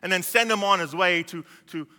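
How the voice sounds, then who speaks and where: Guy preaching a sermon, chatty, keeps restarting, high voice, long echoey church reverb. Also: brisk, pushed and bright. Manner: conversational, acts out biblical scenes, many restarts. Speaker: pastor.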